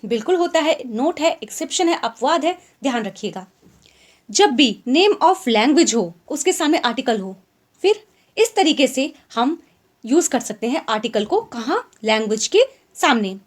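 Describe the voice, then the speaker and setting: Woman grammar teacher, high voice that jumps around a lot, reads examples out slow. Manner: explains in Hindi mixed with English, reads examples slowly. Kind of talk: online grammar lesson.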